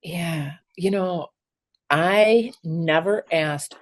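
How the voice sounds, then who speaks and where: Earnest woman telling her story, low voice. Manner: earnest, halting with many fillers. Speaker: guest. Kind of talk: emotional personal storytelling.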